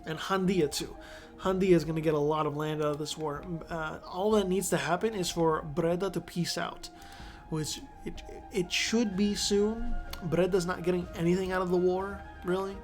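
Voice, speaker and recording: With a high voice and fairly even intonation, a man covers a strategy game at a moderate pace, rambling casually and revising what he says. He sounds congested, with faint music in the background.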